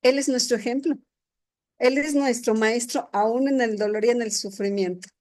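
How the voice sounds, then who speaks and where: A woman with a somewhat high voice gives a sermon-style testimony as a church leader. She talks earnestly and keeps checking in with tag questions. She speaks into a microphone at an indoor gathering. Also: steady tone, moderate pace, darkish tone.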